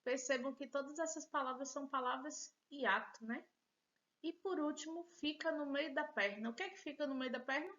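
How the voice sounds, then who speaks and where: A woman's voice: sits high, normal speed, fairly bright tone, muffled recording. A woman teacher with a Brazilian Portuguese accent, giving a patient, encouraging lesson and joking about her own handwriting. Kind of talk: recorded remote class lesson.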